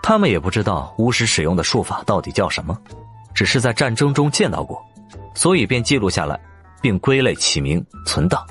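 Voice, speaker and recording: A man narrating an audiobook in an expressive storytelling manner. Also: fairly low pitch, fairly quick, faint music behind. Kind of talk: scripted narration.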